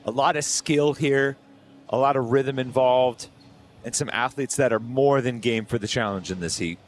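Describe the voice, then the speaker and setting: A man's voice: medium pitch, normal speed, a little hiss or hum. A man giving analytical sports commentary on athletes and their past form.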